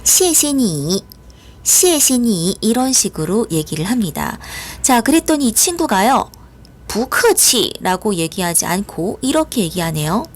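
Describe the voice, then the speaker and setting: A young adult woman teaching a school language lesson online, patient and clear, slowing down to model words. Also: mid-range voice. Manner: patient, lively explaining with drawn-out model words.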